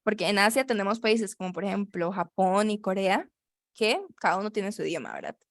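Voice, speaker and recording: A woman's voice: mid-range voice, animated, fairly quick, dry recording, studio quality. Chatty woman teaching English words. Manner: chatty, self-correcting, laughs easily. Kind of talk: casual classroom explanation.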